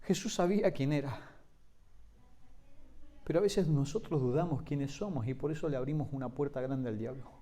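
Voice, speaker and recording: A man, preaching a sermon as pastor, swinging from loud emphatic lines to soft low asides. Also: normal speed, long pauses.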